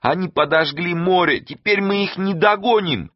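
A man's voice: high-pitched, normal speed, no room sound, dull audio, pitched above the performer's own voice. A man voicing an agitated young woman who cries out and repeats herself. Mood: frantic. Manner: crying out, repeating words.

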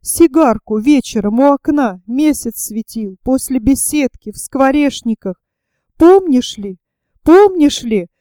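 A woman's voice: high voice, expressive, measured pace, mellow, dry recording, studio quality. A woman reading as an imperious older noblewoman. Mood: fierce whisper. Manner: commanding, fierce, hissing whispers.

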